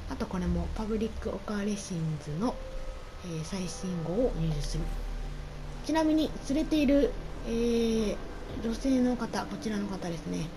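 A woman's voice: mid-range voice, animated, normal speed, noisy background. A woman doing casual solo game commentary as host, politely and half talking to herself. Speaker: gaming video host.

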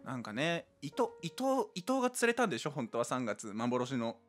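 A man chats his way through a relaxed live game stream, his voice rising and dipping a lot as he rambles to himself and his viewers. He laughs often along the way, and cheerful game music plays clearly behind him. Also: mid-range voice, a little fast. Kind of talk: casual live-stream chat while playing. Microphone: desk microphone.

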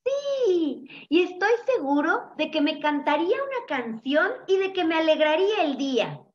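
A woman's voice: sits high, very animated, takes it slowly, highs cut off, voice pushed up, exaggerated voice. A woman voicing a tiny, lonely boy chick searching for a mother, with an eager, pleading manner. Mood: hopeful.

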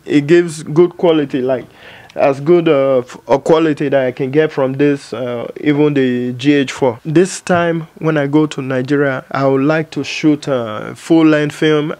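Sitting in his home editing studio, a filmmaker and vlogger in his thirties chats to the camera in casual vlog style, musing out loud and using lots of fillers. His voice runs a little high and a little mellow.

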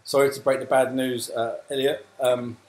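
A man's voice: mid-range voice, level tone, normal speed, roomy sound, noisy background. A man with a South London accent hosting a casual live Q&A, chatting and reading out viewer comments. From England. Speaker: host.

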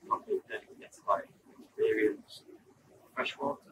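A man who manages a freshwater fish section, speaking haltingly in a casual interview. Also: bright, forceful tone, recorded from a distance, slight background noise, poor audio. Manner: halting, uneven, drops to mumbles. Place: aquarium shop.

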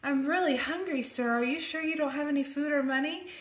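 A hungry, poor ferrywoman from a children's tale, as a storytelling woman puts her on. She speaks politely and wearily, begging for food. The voice is fairly high and echoes around the room. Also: brisk, lightly acted. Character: hungry poor female boat ferrier.

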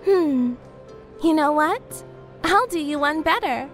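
A bubbly, scheming young woman with a very high, slow, drawn-out voice, as a male narrator puts her on. Faint music plays under the storybook reading. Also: animated, a bit bright, exaggerated voice. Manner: bubbly, high and breathy, faux-whimpering when playing lost. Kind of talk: fan audiobook reading.

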